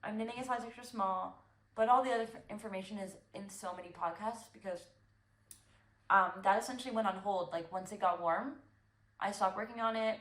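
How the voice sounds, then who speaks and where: A woman's voice: mid-range voice, roomy sound. A young woman hosting a knitting podcast, chatting casually and rambling with fillers and restarts. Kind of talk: casual chat.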